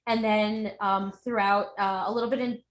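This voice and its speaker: A woman's voice: medium pitch, steady tone, moderate pace. Hesitant woman author in an echoey room. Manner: hesitant, many ums and self-corrections, laughs nervously. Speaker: author being interviewed. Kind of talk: casual Q&A at an online book launch.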